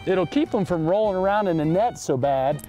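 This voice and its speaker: A man's voice: sits high, expressive, normal speed, warm tone, soft background music. Chatty man hosting from a fishing boat. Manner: chatty, addresses viewers as guys. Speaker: fishing show host. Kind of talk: casual on-the-water fishing commentary. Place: on a fishing boat on a lake, outdoors.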